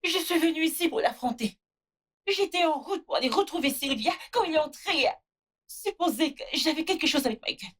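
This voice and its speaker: A woman's voice: high voice, expressive, fairly quick. An actress playing a defiant young woman who confronts a liar. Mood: insistent. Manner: insistent, confrontational. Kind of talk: dubbed film drama.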